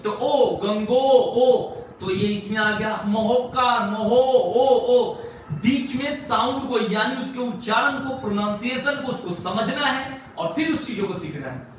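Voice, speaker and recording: A man with a very high voice gives a classroom grammar lecture. He keeps firing questions at the class and answering them himself, and he draws out single sounds as he spells words. He is far from the mic in a very echoey room with faint noise behind him. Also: moderate pace, fairly bright tone. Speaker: Hindi grammar teacher.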